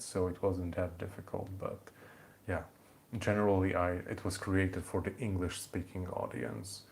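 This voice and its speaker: A young Hungarian man with a Hungarian accent hosts his channel's live-stream from home in the evening. His casual chat rambles, full of fillers and restarts. His voice is low-pitched and darkish, and there's a little hiss or hum.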